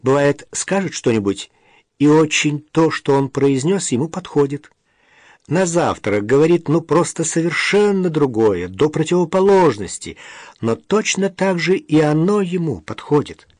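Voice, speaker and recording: A man voicing a frail, stubborn old man who speaks quietly and firmly with gentle irony, in an audiobook reading. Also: fairly high pitch, expressive, unhurried, no echo, pitched above the performer's own voice. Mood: musing. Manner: quiet, firm, gently ironic.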